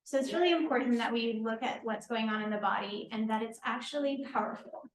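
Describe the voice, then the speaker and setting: A woman's voice: on the high side, brisk, slight background noise. A woman who works as a lymphatic therapist and holistic healer, giving an informal, earnest workshop lecture that is full of fillers. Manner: chatty and earnest, with frequent fillers. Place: event space at a market and deli. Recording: echoey room with faint background ambience.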